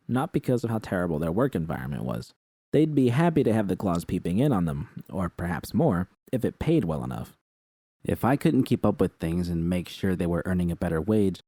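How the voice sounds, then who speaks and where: Narrating a first-person story from a script, a man uses a low, dark voice. The audiobook recording is close and dry, without any echo or room sound.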